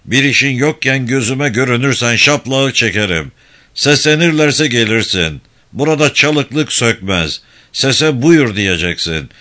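A man voicing a gruff, bullying young student. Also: medium pitch, pushed and bright. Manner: gruff, barking and scolding. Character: bullying young male senior student, coarse and threatening. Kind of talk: audiobook character voice.

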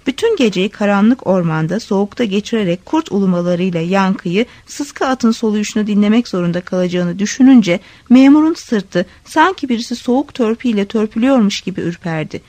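A woman reading a story aloud, expressive storytelling. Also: mid-range voice, fairly quick, hardly any pauses, no echo. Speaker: narrator.

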